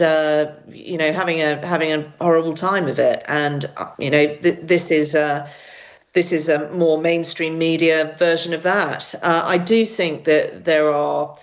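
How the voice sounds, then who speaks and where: Low-voiced woman, measured panel guest. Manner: measured, with many restarts and fillers. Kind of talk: discussion panel talk.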